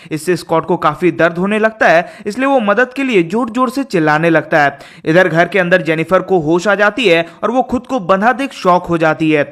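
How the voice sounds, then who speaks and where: A man narrating a movie plot recap in a steady, even storytelling delivery. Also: sits high.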